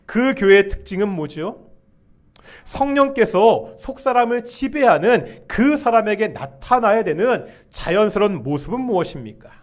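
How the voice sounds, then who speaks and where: A male pastor delivering a Sunday sermon in a church. His voice sits high for a man, and he calls on the congregation to answer and repeat after him. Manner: leads the congregation in call-and-response. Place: church sanctuary.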